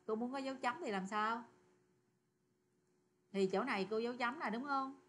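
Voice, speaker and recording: A woman explains code step by step, with a bright, clear tone pitched a little high. She talks in a chatty way and keeps turning to her students with questions. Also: normal speed. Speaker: programming teacher. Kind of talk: screen-recorded coding lesson.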